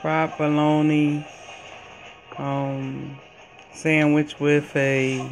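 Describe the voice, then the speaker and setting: An older woman hosting an eating vlog, chatting casually in a rambling, halting way with many pauses. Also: low voice, level tone, faint music behind. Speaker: mukbang host.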